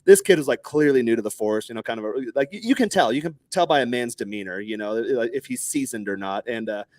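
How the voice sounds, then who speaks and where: A Texan man in his thirties tells stories in a casual podcast chat, animated and swearing freely, voicing other people's lines in raised tones. His voice is mid-range and fast, recorded without echo.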